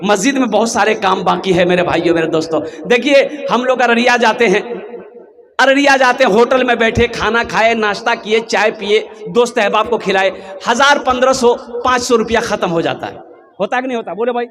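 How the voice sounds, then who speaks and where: A man preaching an Islamic sermon at a mosque gathering, impassioned and rising to shouts, calling on the crowd to answer him. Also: high-pitched, fairly quick.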